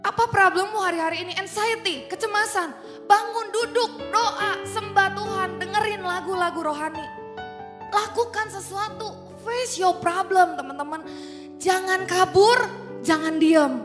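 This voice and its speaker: A woman preaching an animated, playful online youth sermon. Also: extremely high pitch, measured pace. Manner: animated, playful, mixes in English phrases. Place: online church service in a large hall. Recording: reverberant hall with faint music.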